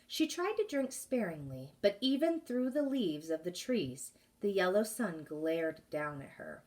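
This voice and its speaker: A woman teacher reading a chapter book aloud to her class, expressive and pausing to ask questions. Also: medium pitch, recorded from a distance.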